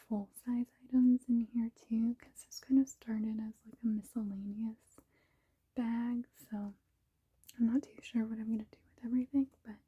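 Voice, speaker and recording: A woman whispering softly in an unhurried ASMR ramble, with a breathy, husky voice and short, gently paused phrases. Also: fairly high pitch, poor audio. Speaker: ASMR video host.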